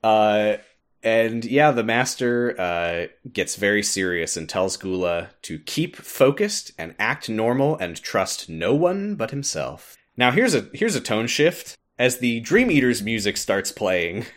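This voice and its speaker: Retelling a game story on his podcast, this host speaks slowly in a fairly low, slightly bright voice that is very animated. He's informal, a little sweary, and breaks into laughter frequently as he comments.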